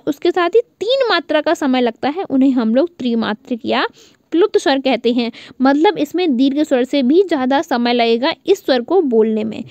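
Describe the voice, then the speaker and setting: A woman's voice: high voice, a little mellow, no room sound, muffled recording. A woman teaching an online class, repeating key points as questions to her students and stretching out vowel sounds to show their length.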